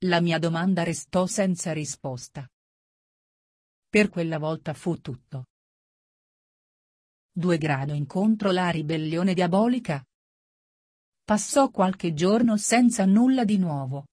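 A woman reading a first-person narration at a slow, measured pace. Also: on the low side, darkish tone, no room sound, studio quality. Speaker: audiobook reader.

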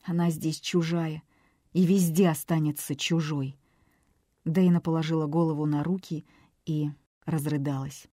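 Brief: woman audiobook narrator, low, mellow, dry close sound. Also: fairly even intonation, unhurried, no room sound. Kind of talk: scripted narration.

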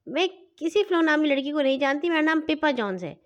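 A woman's voice: high voice, animated, lo-fi sound, pitched above the performer's own voice. A woman voicing a fussy young girl rider who grumbles, panics and cries out in a storybook. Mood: firm. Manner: complaining, then crying out in pain.

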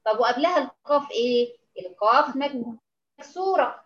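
A woman's voice: sits high, lively intonation, normal speed, a bit bright, roomy sound, highs cut off. A woman with an Egyptian accent teaching tajweed in an online lesson, patiently explaining and often checking that her students follow. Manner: patient, keeps checking understanding with endearments. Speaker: Quran recitation teacher.

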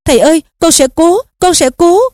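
A woman's voice: sits high, lively intonation, a little fast, a little mellow, no echo, studio quality, pitched above the performer's own voice. A woman voicing a desperate teenage boy wizard, urging and pleading frantically. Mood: frantic.

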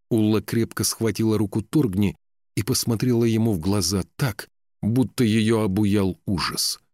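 A man narrates a fantasy novel in a very low, deep voice. His reading is measured and dramatic, and he lingers on key words. The sound is dry and close, with no room echo. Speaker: audiobook narrator.

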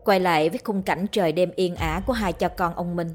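A woman storyteller reading a ghost story in a steady, measured way. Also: fairly low pitch. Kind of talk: scripted narration of a ghost story.

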